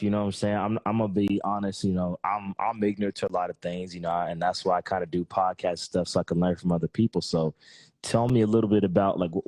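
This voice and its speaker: A man's voice: lowish voice, a little mellow, no echo. A man hosting a podcast, chatting in a laid-back, friendly way with lots of fillers over a remote call. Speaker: podcast host. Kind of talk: casual interview chat. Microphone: remote call microphone.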